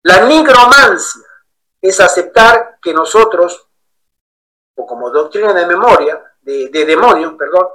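A man preaching in a sermon-style Bible study, telling stories in an animated way. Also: sits high, unhurried, poor audio. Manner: animated storyteller acting out quoted voices.

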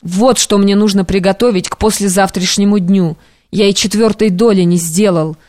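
A woman voicing an anxious, guilt-ridden young male clerk who pleads haltingly, in an audiobook. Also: mid-range voice, fairly even intonation, mellow, no echo, studio quality, close to an everyday voice. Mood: pleading. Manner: imploring, halting.

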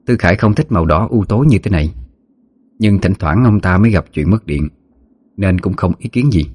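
A man narrating a ghost story in a steady, measured way. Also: deep voice, breathy edge, no room sound. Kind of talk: scripted horror story narration.

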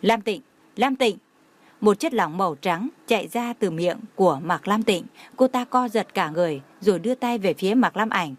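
A woman's voice: medium pitch, moderate pace, few pauses. A woman reading a romance novel aloud as a narrator, voicing every character's lines in her own voice. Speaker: audiobook narrator.

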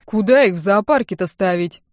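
A gruff, suspicious older zoo guard, voiced by a woman reading an audiobook. He speaks loudly and presses with questions. The recording is dry. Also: mid-range voice, animated, a little fast, no room sound, natural voice.

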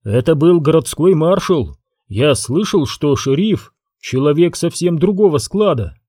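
A man voicing a calm rancher's son. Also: fairly high pitch, a little slow, dry recording, studio quality. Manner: quiet, calm.

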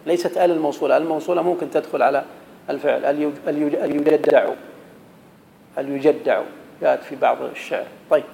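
A man's voice: on the high side, steady tone, racing, vocal fry, dark tone, in a large hall, a little hiss or hum, rough recording. A man teaching an Arabic grammar lesson, quizzing his students and reciting verse. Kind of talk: classroom lesson.

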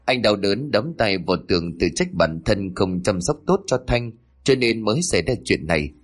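A man's voice: on the low side, very animated, moderate pace. A man narrating a dramatic family story in scripted storytelling.

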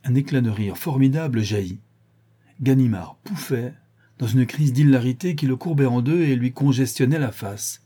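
A man reading a classic novel aloud, measured and storytelling, lifting his voice for the dialogue. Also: mid-range voice, warm tone, slightly rough. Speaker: audiobook narrator. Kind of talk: scripted narration of a classic novel.

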